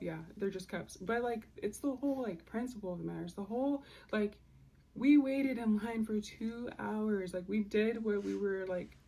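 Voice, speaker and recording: A woman's voice: medium pitch, dark tone, breathy edge, rough recording. A tired woman rambling sadly through a casual rant with many fillers, close to mumbling. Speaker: upset customer posting a video.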